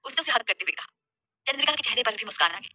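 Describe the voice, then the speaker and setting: A woman narrating a scripted audio story in a brisk, animated way. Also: fairly high pitch, slight background noise.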